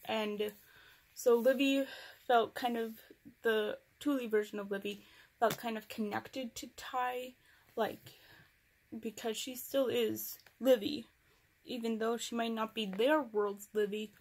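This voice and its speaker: A woman's voice: a little high, flat delivery, unhurried. Chatty young woman recapping a book. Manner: chatty, rambling, with sarcastic asides. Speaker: book reviewer. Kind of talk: casual book recap vlog.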